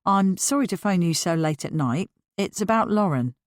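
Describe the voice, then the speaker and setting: A calm, apologetic middle-aged dad who talks slowly and hesitates with little ums, as a woman narrator voices him. The voice is lowish and dry, set close. He stays polite and even throughout. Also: no echo, close to an everyday voice.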